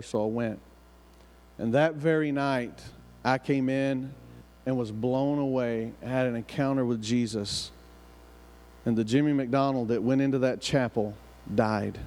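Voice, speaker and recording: A man from the southern United States, with a Southern hillbilly accent, preaches a sermon full of emphatic repetition and rhetorical questions. His voice is medium-pitched and a little mellow, and it echoes through a reverberant hall.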